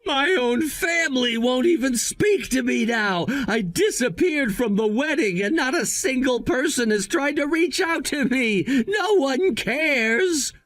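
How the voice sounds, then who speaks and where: A man's voice: very high voice, lively intonation, unhurried, few pauses, fairly bright tone, full character voice. A man playing a disgraced, self-pitying husband in a dramatized story, whiny, defensive and desperate. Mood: bitter, defensive.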